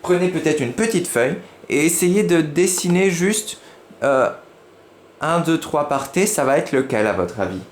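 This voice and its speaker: A man giving a lively lesson to young children, using playful voices. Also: on the high side, moderate pace. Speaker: teacher. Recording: echoey room with faint noise.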